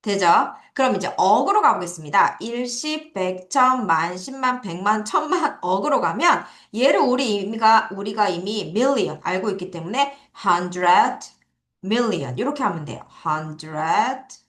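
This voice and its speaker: In a reverberant academy classroom, a woman teaches children English number words in a recorded lesson. Her mid-range voice is fairly bright with lively intonation, and she speaks unhurriedly, explaining step by step and quizzing the students with questions she then answers.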